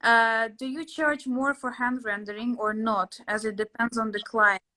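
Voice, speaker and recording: A young Latvian woman whose native language is Russian hosts her channel as an interior sketch artist, chatting casually with lots of fillers and restarts. Her voice is fairly high and steady, moderately paced, bright and forceful.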